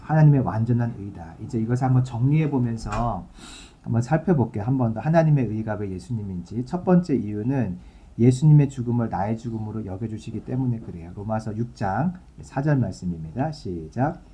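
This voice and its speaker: A man's voice: medium pitch, lively intonation, a little fast, dark tone, a little hiss or hum. A male pastor giving a sermon in a conversational, explaining way, reading scripture aloud and then talking it through for his congregation.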